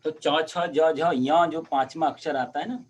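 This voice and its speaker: On a video call, a man gives an online Sanskrit pronunciation lesson, patiently stretching out each sound slowly to explain it. His voice is on the high side and steady, with a little hiss or hum in the audio.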